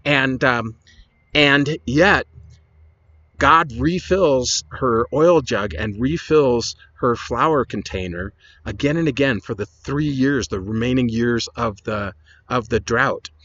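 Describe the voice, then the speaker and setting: A man's voice: mid-range voice, sharp tone, muffled recording. A man, a pastor, retelling Bible stories in a casual, conversational lesson with chatty asides.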